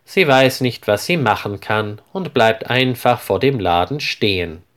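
A man reading a story aloud as narrator, in a clear, deliberate scripted style. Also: mid-range voice, expressive, a bit bright.

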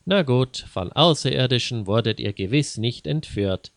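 A man's voice: mid-range voice, expressive, moderate pace, no room sound, studio quality, natural voice. A man voicing a sarcastic, mocking grown man who taunts a frightened companion in a read-aloud story. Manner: sarcastic, sneering.

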